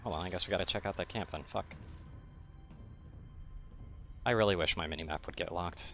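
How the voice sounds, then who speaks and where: A man's voice: low-pitched, rapid-fire, gravelly, sharp tone, soft background music. A young man playing a co-op game, chatting casually, swearing and arguing about rules. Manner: argumentative, swears a lot, pedantic about rules. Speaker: co-op gamer. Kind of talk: casual gaming chat.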